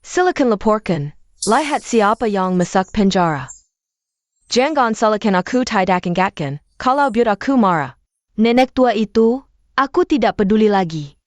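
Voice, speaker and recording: A woman's voice: medium pitch, expressive, normal speed, no echo, natural voice. An actress voicing a cold, commanding middle-aged mother in a dubbed short drama, harsh and threatening. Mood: menacing. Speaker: Mrs. Fang.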